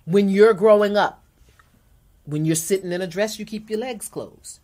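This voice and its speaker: A woman co-hosting a podcast who lays out her view in a measured, step-by-step way in casual chat. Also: mid-range voice, a little mellow. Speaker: podcast co-host.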